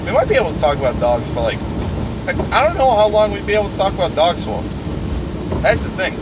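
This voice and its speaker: A man's voice: high-pitched, big pitch swings. A young man co-hosting a casual podcast, swearing a lot and teasing his co-host, with plenty of fillers and restarts. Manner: crude, teasing, swears often, halting with many fillers. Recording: dull lo-fi recording with clear background noise.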